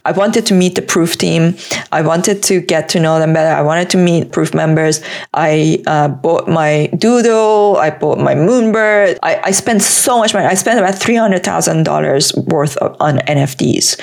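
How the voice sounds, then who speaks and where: A woman's voice: low voice, creaky, darkish tone. A woman, a Persian speaker, talking earnestly and at length as a podcast guest. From Iran. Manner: earnest, emphatic, talks in long runs. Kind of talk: conversational interview.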